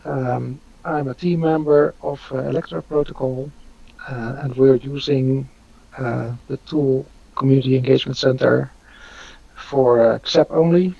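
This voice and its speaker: A man's voice: medium pitch, steady tone, measured pace, gravelly, breathy edge. A man, hosting a live Q&A on a video call, talking hesitantly with many fillers. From Netherlands. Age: 50s. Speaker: host. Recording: dull lo-fi audio.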